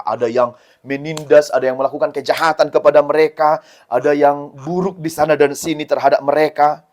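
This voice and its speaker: Gentle man preaching to children. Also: fairly high pitch. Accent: Indonesian, Medan. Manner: acts out prayers and quotes in a raised, pleading voice; explains gently in short repeated phrases to children. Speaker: Sunday school preacher. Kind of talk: children's sermon.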